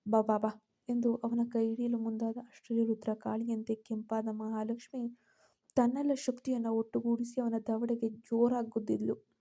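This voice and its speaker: A woman narrating a serial story in an even, measured way, taking on her characters' voices. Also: fairly high pitch.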